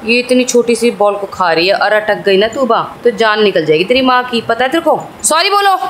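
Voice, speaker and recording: A young mother with a high, bright voice talks to her little kids for a family vlog, switching between sweet coaxing and sharp scolding. Her voice bounces around an echoey room at home. A faint hum sits underneath. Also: brisk. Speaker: vlogger mother. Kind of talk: playful chat with her young children.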